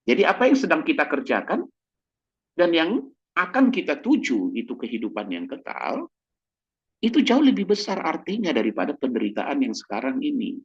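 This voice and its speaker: A man's voice: moderate pace, husky. A male pastor preaching a chatty sermon, often tagging his points with a questioning "ya". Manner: chatty, keeps tagging "ya" and "gitu ya"; animated, jumps high in pitch for emphasis. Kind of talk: conversational evening sermon. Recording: dull lo-fi recording.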